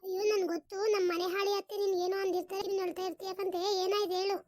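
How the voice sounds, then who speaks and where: A woman voicing a caring but scolding elder sister-in-law in a village cartoon, firing rapid nagging questions. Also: very high voice, flat delivery, crowd noise. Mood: coaxing. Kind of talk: cartoon voice acting.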